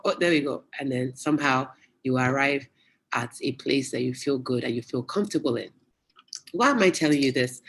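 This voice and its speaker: A guest speaker giving a casual, chatty motivational talk to young people over a video call, telling stories with lively exclamations. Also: mid-range voice, breathy edge. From United States. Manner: chatty, animated storyteller with local exclamations. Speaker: guest speaker at youth webinar.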